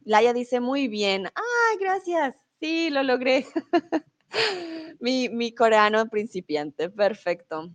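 A woman's voice: fairly high pitch, big pitch swings, extremely slow. A woman teaching Spanish on a casual livestream, reading viewers' comments aloud, laughing often and trying out foreign words with hesitation.

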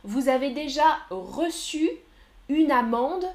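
Slow, clear-spoken French teacher woman. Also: high-pitched, expressive. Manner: chats with viewers in the chat. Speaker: French teacher streaming live. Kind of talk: live-stream language lesson.

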